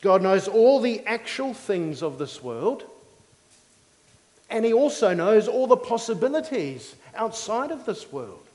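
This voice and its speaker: Long hall reverb, man, preacher, teaching sermon, fairly high voice, measured, simple didactic phrasing. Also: very animated, darkish tone.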